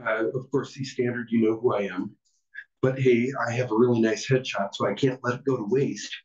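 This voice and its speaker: A man giving a casual technical presentation to a user group. He talks haltingly, with many fillers and self-deprecating asides. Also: mid-range voice, steady tone. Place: meeting room with an audience. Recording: distant, roomy, dull room recording.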